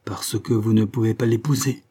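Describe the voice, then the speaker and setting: A man's voice: fairly low pitch, steady tone, warm tone, husky. Man reading as a stern old soldier. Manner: measured, solemn and commanding. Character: stern old male soldier, grave and authoritative.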